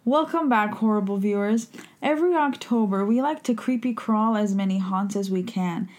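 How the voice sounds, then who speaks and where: A woman's voice: mid-range voice, normal speed, a little mellow, natural voice. Woman as a playful, macabre vampire hostess. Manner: theatrical, alliterative, playful. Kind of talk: scripted campy horror-show hosting.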